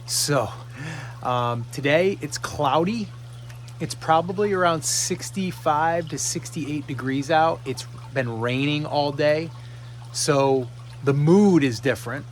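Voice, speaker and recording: A man's voice: on the high side, slow pace, a little hiss or hum. A middle-aged man talking casually to camera outdoors, hesitant and reluctant. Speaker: vlogger. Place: outdoors beside a cold plunge barrel.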